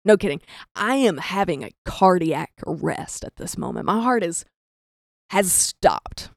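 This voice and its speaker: A woman's voice: lowish voice, sing-song, unhurried, creaky, a little mellow, no echo, studio quality. A young woman, telling a comic story in a self-deprecating way and acting out the voices of the people in it. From rural American South. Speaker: comedian storyteller. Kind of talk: comedic storytelling.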